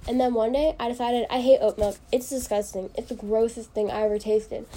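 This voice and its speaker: A young woman hosts a casual solo podcast, her voice on the high side, level and warm, moving a little fast. Congested from allergies, she rambles and jokes at her own expense, with plenty of fillers.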